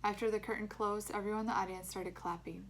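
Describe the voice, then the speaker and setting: Woman teacher, read-aloud, expressive storytelling, gentle classroom tone. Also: medium pitch, fast, slight background noise. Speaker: elementary school teacher. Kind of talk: reading a children's novel aloud.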